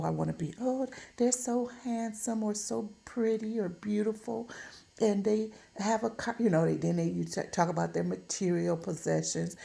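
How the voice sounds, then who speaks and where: A woman with a fairly low, gravelly, dark-toned voice gives blunt, emphatic relationship advice from home. In this informal monologue she admonishes and repeats phrases to drive her points home.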